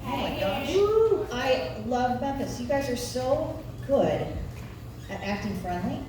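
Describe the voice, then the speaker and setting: A Nebraska woman in her forties performs stand-up in a very echoey venue, picked up by a distant mic with background noise. Her Midwestern-accented delivery is slow and expressive, with wry, self-deprecating stories and a freely moving pitch.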